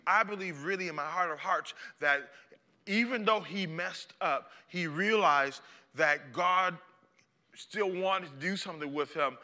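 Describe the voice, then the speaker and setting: A man's voice: sits high, bright, forceful tone, big-room sound. A male preacher giving a dramatic, impassioned sermon and acting out the story.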